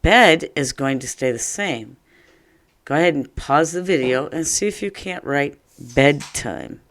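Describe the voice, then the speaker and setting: A man with a fairly high voice teaches a phonics lesson for young children at a deliberate, unhurried pace. He sounds out words, asks questions and cheers the kids on. The recording is close and dry. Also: animated, a bit bright, no echo. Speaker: first grade teacher.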